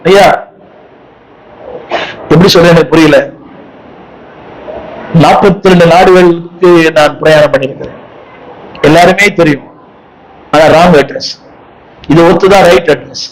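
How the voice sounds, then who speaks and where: A male preacher with a notably high-pitched voice leads a congregation through a sermon. He speaks emphatically, repeating lines and calling on the crowd to echo his words aloud. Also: unhurried, pauses often. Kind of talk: sermon with call-and-response.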